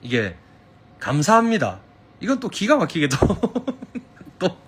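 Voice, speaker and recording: A man with a Gyeongsang Korean accent chats casually on a phone live stream, reading viewers' comments while teasing playfully and laughing often. His high voice swoops wildly in pitch at a slow pace, with a little hiss or hum in the audio.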